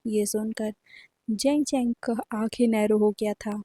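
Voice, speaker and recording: A woman's voice: medium pitch, steady tone, measured pace, warm tone, dry recording. A woman narrating a fan fiction story in a casual storytelling manner, mixing in English words.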